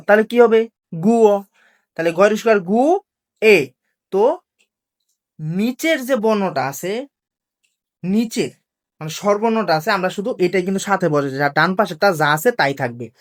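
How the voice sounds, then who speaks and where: A woman teacher walks through a language lesson one step at a time. She asks a question, answers it herself, and says each sound again slowly. Her voice sits in an ordinary middle pitch.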